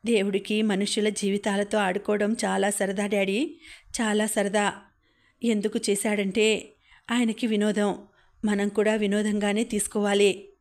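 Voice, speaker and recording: A woman reading the lines of a gravely ill young woman in a weak, gentle, halting way. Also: medium pitch, level tone, natural voice. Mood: tender, weak.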